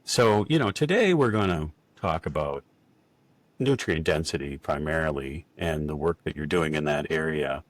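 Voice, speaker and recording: A man's voice: extremely low pitch, animated, moderate pace, no echo. A middle-aged man hosting a podcast in a chatty, enthusiastic manner. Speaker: podcast host. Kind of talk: casual podcast interview.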